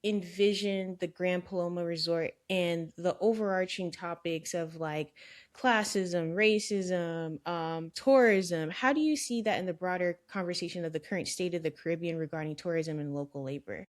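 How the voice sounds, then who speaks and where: Low-voiced curious woman host. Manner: curious, measured questioning. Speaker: podcast host. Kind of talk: podcast interview questions.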